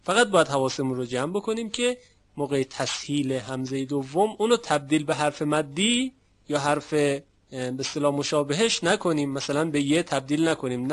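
A man teaching Quran recitation in a lecture, explaining patiently and slowing down to demonstrate how sounds are pronounced. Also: a little high. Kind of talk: classroom lecture.

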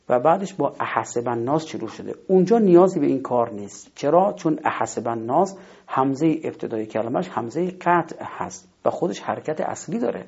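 Male recitation teacher, measured and explanatory, with a dark, mellow tone. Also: mid-range voice, gravelly, husky, lo-fi sound. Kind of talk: instructional lesson.

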